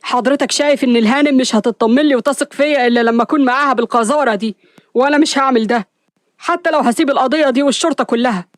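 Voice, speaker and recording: A woman voicing a firm, principled male police officer who answers his superior calmly but defiantly. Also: sits high, rapid-fire, dry recording, clean studio sound, natural voice. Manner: calm, firm, respectful yet defiant.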